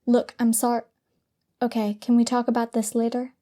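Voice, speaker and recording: A woman's voice: a little high, little pitch movement, moderate pace, warm tone, natural voice. A woman voicing a brash, defensive teenage superhero girl in an audiobook reading. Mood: casual.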